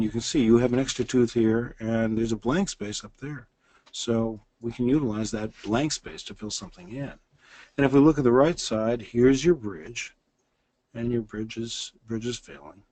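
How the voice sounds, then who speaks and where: A man's voice: mid-range voice, darkish tone, no echo. A man in his sixties giving a lecture that walks listeners through a dental case. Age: 60s. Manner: explanatory, walks through images step by step.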